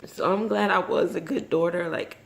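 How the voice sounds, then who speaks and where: A woman vlogging in a personal, confessional way, emotional and tearful after crying, speaking haltingly and reflectively. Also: on the low side, fairly even intonation, gravelly. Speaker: vlogger and mother. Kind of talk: personal, confessional vlog talk.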